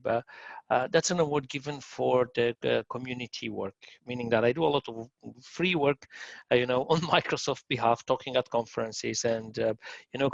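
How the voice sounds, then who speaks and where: A man, giving a technical conference talk, halting with many fillers and restarts. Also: medium pitch, vocal fry, dry recording. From Romania. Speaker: conference speaker. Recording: dull lo-fi dry recording.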